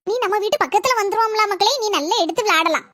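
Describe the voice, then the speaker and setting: A gentle, patient village mother with a soft lilt, as a high young voice puts her on, guiding and mildly scolding her children in a homemade family skit. The voice stays very high even when pitched down for the role, and a steady hiss of noise sits under it. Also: racing. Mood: soothing. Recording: noisy homemade recording.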